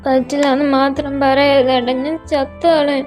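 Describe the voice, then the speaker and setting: A tearful, lovesick younger sister with a Malayali accent, voiced by a woman, pleads in a fan audio drama. Her voice is high and flat, and faint music plays behind. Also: normal speed, lightly acted. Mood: pleading.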